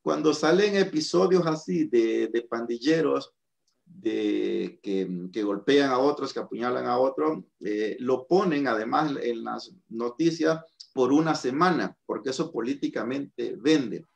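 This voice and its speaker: A man's voice: medium pitch, unhurried, vocal fry. A man from El Salvador, a guest in a casual panel chat over a video call, explaining at length and addressing the audience directly. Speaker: guest commentator.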